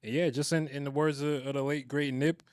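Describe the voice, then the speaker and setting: A man chatting casually on a podcast in slangy, somewhat halting talk. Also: fairly high pitch, fairly even intonation, darkish tone, clean tone, no room sound, studio quality. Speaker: podcast participant. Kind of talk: casual chat.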